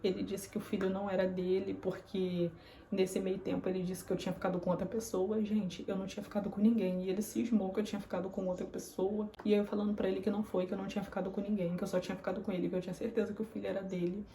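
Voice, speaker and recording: A woman's voice: mid-range voice, little pitch movement, fast talker, mellow, slight background noise. A young woman vlogger telling a personal story to camera in an earnest, confiding way. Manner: earnest, confiding, acts out remembered dialogue.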